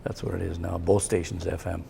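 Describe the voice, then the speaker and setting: A man's voice: sits low, monotone, a little fast, vocal fry, background noise. A man who once worked in radio, answering interview questions plainly and trailing off at the end of answers. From Alberta, Canada. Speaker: guest, former radio broadcaster.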